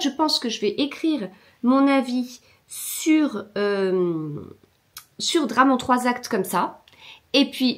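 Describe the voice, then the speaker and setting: A woman talking casually to her viewers about books. She hesitates constantly, full of fillers and half-started sentences. Now and then she sinks into a soft mutter as she searches through a book. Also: fairly high pitch. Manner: hesitant, many fillers and restarts. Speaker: book vlogger. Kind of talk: casual chat.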